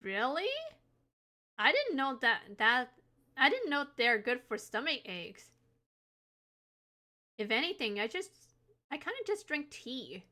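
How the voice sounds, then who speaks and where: Slow-talking bright young woman streamer. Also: high voice, very animated. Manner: teasing, laughs often. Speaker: livestream host. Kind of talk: casual chat on a live stream.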